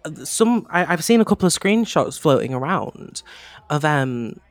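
A man's voice: on the high side, sing-song, moderate pace, no room sound. A man co-hosting a podcast, talking in an earnest, gushing way and often restarting his phrases. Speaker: podcast co-host. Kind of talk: casual fan chat.

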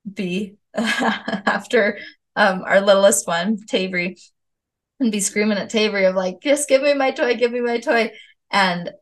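A woman in her thirties hosting a parenting show, reflective and affirming as she chats and paraphrases back what she hears. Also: mid-range voice. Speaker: parenting podcast host and mother. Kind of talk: casual conversational interview.

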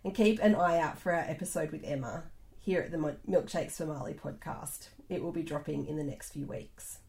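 A woman's voice: deep voice, brisk, creaky, darkish tone. A woman reading a scripted podcast outro as the host.

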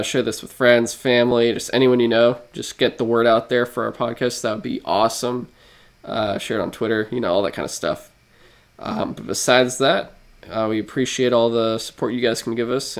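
A young man co-hosting a podcast, rambling through a casual outro with many fillers and restarts. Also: mid-range voice. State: dry throat. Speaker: podcast co-host.

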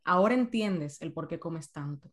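A woman's voice: deep voice, animated, normal speed. A woman coach giving an emphatic workshop talk on emotional eating, repeating points and calling out to her listeners. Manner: emphatic, repeats herself, addresses audience as señores.

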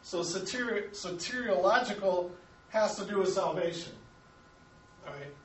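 A man's voice: high voice, moderate pace, a little hiss or hum. An American man teaching an adult Sunday school Bible lesson, explaining points step by step and chuckling at his own slips. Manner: explanatory, self-correcting, chuckles at himself. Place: church classroom. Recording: echoey room, mic at a distance.

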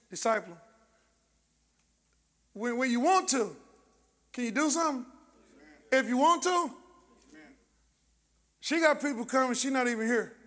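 A man preaching an energetic sermon in a church, calling out to the congregation, joking and shouting for responses. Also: very high voice. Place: church sanctuary.

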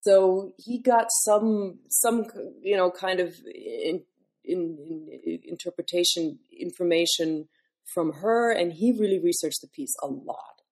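A woman with a somewhat low speaking voice talks through her craft as a classical singer. She explains things thoughtfully in an unscripted interview, often pausing on fillers and restarting her sentences. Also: a little mellow. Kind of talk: podcast interview.

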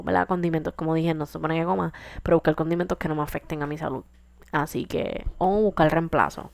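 Chatty young woman with gravelly low voice. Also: no echo. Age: 20s. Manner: animated, code-switching into English, joking asides. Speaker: podcast host. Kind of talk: casual chat.

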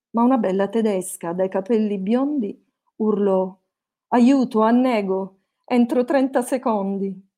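A woman recites satirical rhyming verse with a mellow, warm tone. Her delivery has a sing-song lilt that bounces from one rhyme to the next. She carries each comic tale at a steady, middle pitch.

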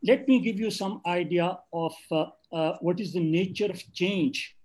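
An older man with a Pakistani accent gives an off-the-cuff panel talk, making emphatic points with hesitant pauses. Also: sits high, darkish tone. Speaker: civil service academic and guest speaker. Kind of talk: extempore panel talk on video call, mixing English and Urdu.

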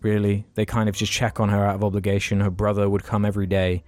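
Low-voiced young man swearing casually. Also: monotone, fast, a little mellow, faint music behind. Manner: rambling storytelling, heavy swearing. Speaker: podcast co-host. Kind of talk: casual chat.

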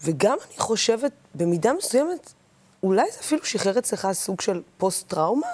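A woman's voice: medium pitch, sing-song, darkish tone. Thoughtful woman interviewer. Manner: thoughtful, probing questions. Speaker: host.

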